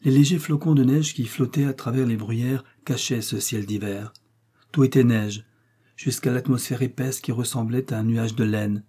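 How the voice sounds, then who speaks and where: Male narrator, classic novel, steady and measured, husky tone. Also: mid-range voice. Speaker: audiobook narrator.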